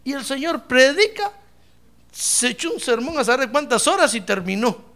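A male pastor preaching a sermon in an animated way, mixing jokes with fervent calls to the congregation. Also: extremely high pitch, moderate pace.

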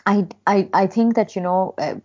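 A woman's voice: mid-range voice, steady tone, moderate pace, darkish tone, lo-fi sound. A woman in casual, opinionated conversation, speaking informally and emphatically and often repeating herself.

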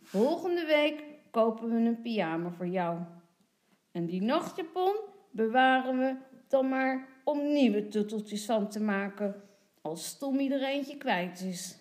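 A firm but reasonable father , as a woman reading aloud puts him on. He speaks loudly and steadily in a slow, measured way. His voice keeps the reader's lively pitch.

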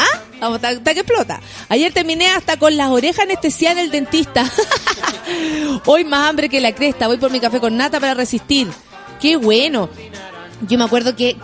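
A high-pitched Chilean woman chats on a morning radio show, playful and slangy, laughing between listener messages. Faint music plays under her voice. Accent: Chilean Spanish. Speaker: radio host.

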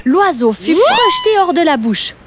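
A woman narrating a children's story in a gentle, clear and expressive way. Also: very high voice, moderate pace, background noise.

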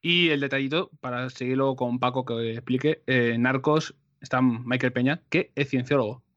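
A man from in a casual podcast chat, tossing in quick joking asides. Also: mid-range voice, a bit bright, dry recording. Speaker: podcast guest. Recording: dull, slightly lo-fi mic.

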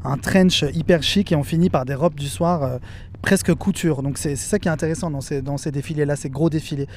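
An upbeat man co-hosting a casual fashion podcast, speaking with a fairly high but mellow, soft-edged voice. He is enthusiastic and piles on intensifiers as he describes what he saw. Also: fairly even intonation, fairly quick, a little hiss or hum. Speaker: podcast co-host. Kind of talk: casual chat about fashion shows.

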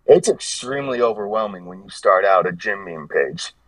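A man with a fairly low voice talks through a story in a casual podcast chat, rambling and often circling back on his own sentences. He sits a little back from the mic. The room sounds dry and dead. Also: animated, normal speed, fairly bright tone, no room sound, distant mic. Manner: rambling, self-correcting storyteller with frequent restarts. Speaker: podcast guest, gym meme page creator.

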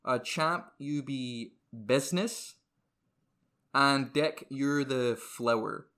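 A man's voice: mid-range voice, takes it slowly, sharp tone. A man playing a brash, irritable, eccentric ad agency boss in a comedy script, volatile and blustering. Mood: deadpan boasting. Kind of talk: comedy script read aloud.

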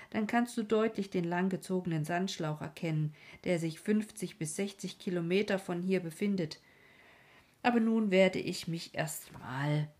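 A woman's voice: on the low side, a little mellow. A woman voicing a genial middle-aged doctor who dryly mocks and lectures his young nephew. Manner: dry, mocking, lecturing.

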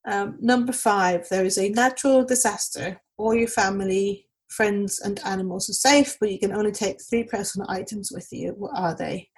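A woman, a Spanish speaker, answering a list of questions casually with frequent thoughtful pauses and ums. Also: medium pitch, fairly even intonation, husky, rough recording. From Mexico. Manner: thoughtful, pausing often with ums. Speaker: podcast guest.

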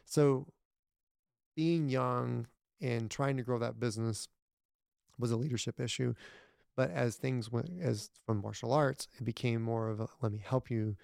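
A man's voice: mid-range voice, fairly even intonation, a little slow, gravelly, a little mellow, dry recording, studio quality. A man talking as a podcast guest in casual interview chat, rambling with many restarts, blunt and sometimes profane.

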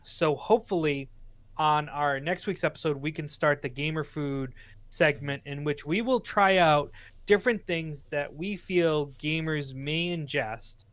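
A man's voice: on the high side, unhurried, fairly bright tone, dry recording. Boston man rambling through show announcements. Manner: rambling, promotional, self-correcting. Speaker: podcast co-host. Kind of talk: casual podcast chat.

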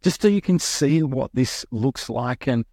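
A young adult male pastor preaching a sermon in an animated, quick way, with restarts and acted-out quotes. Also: mid-range voice, no echo, studio quality.

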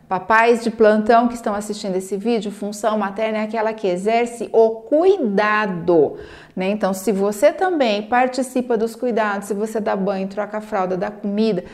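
A woman gives parenting advice straight to camera. She speaks earnestly and acts out parents' lines in quick asides. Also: mid-range voice, a little mellow. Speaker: parenting educator. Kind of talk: direct-to-camera advice talk.

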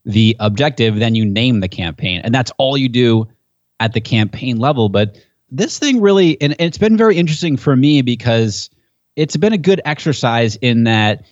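As a podcast guest, a man explains his subject in a conversational, enthusiastic way, growing more pumped up as he continues. His medium-pitched voice is expressive at a normal speed. The podcast audio is dull and dry, with no room sound.

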